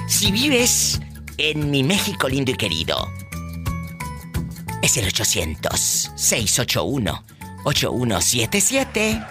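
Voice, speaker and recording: A man from Tamaulipas, hosting a live radio call-in show in a flamboyant, teasing, campy way. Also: mid-range voice. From Tamaulipas, Mexico. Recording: music playing behind.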